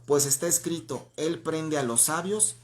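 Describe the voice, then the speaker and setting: A man's voice: a little high, unhurried. Man teaching a livestreamed Bible class. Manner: conversational, greets viewers by name mid-lesson. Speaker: church teacher. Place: church room, livestream.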